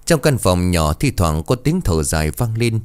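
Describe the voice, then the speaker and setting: A man tells a ghost story with expressive, dramatic delivery. His voice is deep and swings through a wide, lively pitch range. The recording is dry and close. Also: normal speed, clear, resonant tone, no room sound.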